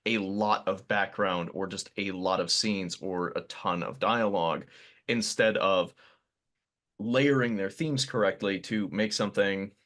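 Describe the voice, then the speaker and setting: A podcast host talking with a friend, his voice low-pitched but bright and forward. He rambles through thoughts and teases his own analogies. The tone is casual and conversational. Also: a little slow. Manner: chatty, rambling, self-deprecating.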